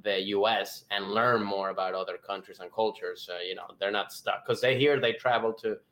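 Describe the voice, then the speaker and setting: A man's voice: fairly low pitch, steady tone, moderate pace, fairly bright tone. A man from Venezuela, a podcast co-host who rambles casually and keeps saying "I mean".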